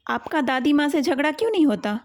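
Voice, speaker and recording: A woman's voice: high-pitched, animated, brisk, no echo, clean studio sound, voice pushed up. A woman voicing a young granddaughter who earnestly tells her grandfather about her fears in a storybook tale. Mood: insistent. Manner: earnest, plaintive.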